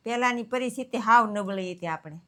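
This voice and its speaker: A woman's voice: fairly high pitch, fairly quick, sharp tone. A middle-aged mother, talking in a plain, homely way.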